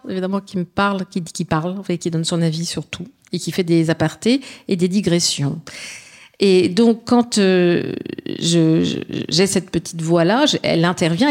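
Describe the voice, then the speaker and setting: A woman's voice: on the low side, darkish tone. A woman novelist answering readers' questions about her writing, thinking aloud with many restarts and fillers.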